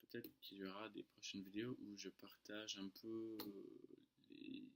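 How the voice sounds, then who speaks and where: A man with a fairly low voice and an American accent speaks French as a second language. His delivery is casual storytelling, with hesitations and small slips in grammar, as a native English speaker would make. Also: flat delivery, normal speed, a little hiss or hum. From United States. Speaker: French tutor and online video creator.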